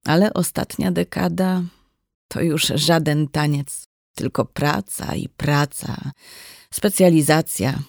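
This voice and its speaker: Measured storyteller, fry in the voice, reading a novel. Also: medium pitch, fairly even intonation, dry recording, studio quality. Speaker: narrator. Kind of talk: scripted audiobook narration.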